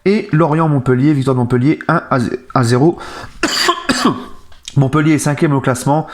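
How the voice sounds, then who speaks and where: A man's voice: on the high side, animated, normal speed. A man in his thirties hosting a football fan video, talking casually in a subdued, grieving way that turns into indignant ranting. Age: 30s. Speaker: football fan channel host. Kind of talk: casual vlog monologue.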